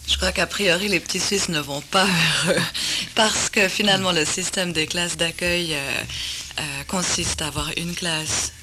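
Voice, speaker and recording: A woman's voice: on the low side, steady tone, background noise. A woman teacher, explaining at length on a discussion panel with many hesitations. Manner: measured, explanatory, many fillers.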